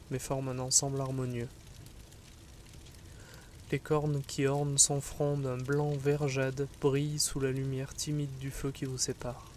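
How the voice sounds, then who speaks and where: A man narrates a fantasy adventure in a measured, solemn way. His medium-pitched voice stays very even throughout. Faint ambient noise runs behind him. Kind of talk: scripted second-person fantasy narration.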